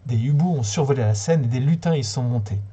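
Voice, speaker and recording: A man reading a short story aloud on a livestream, in a calm, steady way with occasional small slips. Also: medium pitch, fast talker, husky. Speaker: reader.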